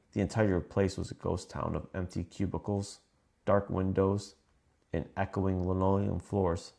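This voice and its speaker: A man reading scripted first-person horror stories in a calm, measured way. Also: deep voice, creaky. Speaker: narrator.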